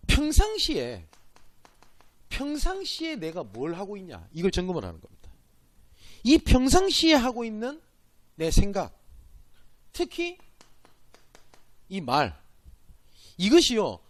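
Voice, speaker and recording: A man with a Gyeongsang accent, a pastor giving a church training lecture, emphatic and asking and answering his own questions. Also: sits high. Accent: Gyeongsang Korean. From Gyeongsang Province, Korea.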